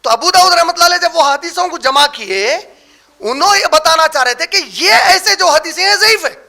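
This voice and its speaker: A man's voice: very high-pitched, lively intonation, gravelly, sharp tone. A man giving a religious lecture, explaining terms step by step and asking rhetorical questions that he then answers himself. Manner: slows down to stress key words. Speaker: Islamic preacher. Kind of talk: religious lecture on prayer rulings.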